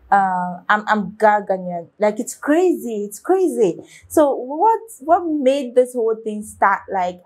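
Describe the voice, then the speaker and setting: A young woman hosting a reaction video, talking straight to her viewers in a loose, halting way. She has a mid-range voice, restarts her sentences and fills gaps with "um" and "like" as she thinks aloud. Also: mid-range voice, a little mellow. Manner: rambling, halting, with many restarts and fillers; talks straight to viewers, asking their opinion. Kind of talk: casual reaction commentary.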